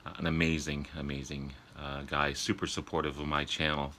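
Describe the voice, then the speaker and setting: A man with an extremely deep voice and a forceful, bright edge talks casually to his viewers as a vlog host. He has a sore throat from a cold, so his delivery is halting and throat-clearing. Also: flat delivery, slight background noise. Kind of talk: casual chat to viewers about records. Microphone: older phone.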